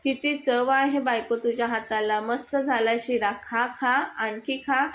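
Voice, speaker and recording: A playful young husband from a storybook romance, teasing and coaxing his wife, as a woman reads him. The voice sits fairly high and level, with little rise and fall, and a faint hiss underneath. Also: steady tone, a little slow, lightly acted.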